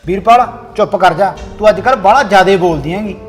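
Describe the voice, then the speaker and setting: A man's voice: high voice, fast, soft background music. A man with a Punjabi accent playing an impatient husband in a family skit, giving orders. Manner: impatient and commanding.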